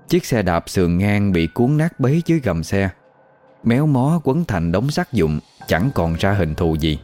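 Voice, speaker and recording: Deep-voiced Southern Vietnamese storyteller. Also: male voice, a little mellow. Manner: vivid, colloquial storytelling. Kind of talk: ghost story narration.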